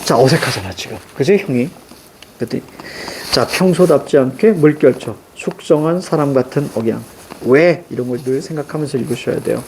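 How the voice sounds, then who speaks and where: A man's voice: medium pitch, normal speed, darkish tone, a little hiss or hum. A middle-aged male teacher explains a story to students, marking up the text and asking rhetorical questions. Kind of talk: literature lecture.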